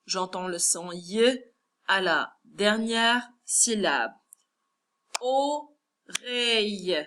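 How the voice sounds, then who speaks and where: In a first-grade classroom, a primary school teacher with a Moroccan French accent corrects the lesson by patiently sounding out each syllable. Her mid-range voice is slow, bright and forceful, with a little hiss or hum.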